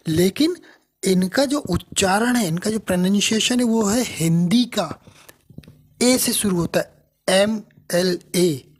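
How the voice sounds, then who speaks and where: Male grammar teacher; slow, patient delivery, husky tone, repeats and checks understanding. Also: high-pitched, expressive. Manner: repeats each point, restating terms in two languages; unhurried, with frequent checking questions. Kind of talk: explanatory grammar lesson.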